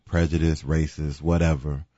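A man's voice: a bass voice, level tone, normal speed, mellow, no room sound, highs cut off. A man co-hosting a casual talk show, arguing his points emphatically, with sarcastic asides. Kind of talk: casual opinion chat.

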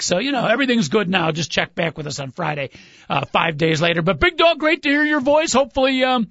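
A chatty sports radio host with a high, light, gravelly voice of fairly bright tone rambles through casual banter and teases his on-air partner. The sound is dry and close with no room around it, yet dull and muffled like an older broadcast recording.

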